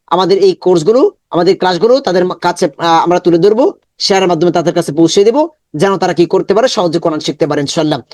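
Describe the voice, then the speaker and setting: High-voiced man drilling Quran syllables. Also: a little mellow, no room sound, studio quality. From Bangladesh. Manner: slow syllable-by-syllable drilling with repetition; chants the Arabic verse slowly and drawn out. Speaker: Quran teacher. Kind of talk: online Quran recitation lesson.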